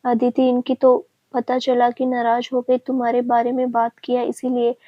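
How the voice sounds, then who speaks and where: A woman reading the lines of a pleading, urgent young woman, a childhood friend, in a family story, with a husky voice. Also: a little high, monotone, moderate pace, no echo, natural voice. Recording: dry, dull lo-fi sound.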